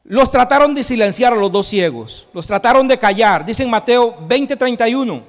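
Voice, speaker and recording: A man preaching a sermon as pastor, impassioned, swinging between loud proclamation and hushed intensity. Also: extremely high pitch, lively intonation, normal speed, in a large hall. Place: church sanctuary.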